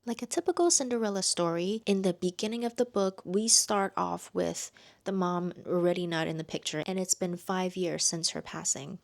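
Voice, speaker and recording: Young woman, casual book vlogger, a little gravelly, chatty with asides. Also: on the low side, moderate pace. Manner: chatty, animated asides to her pet. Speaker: book reviewer. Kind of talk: casual book review vlog.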